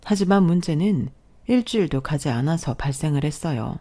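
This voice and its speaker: A woman telling a first-person family story in a calm, even and confiding way. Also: low-pitched, moderate pace.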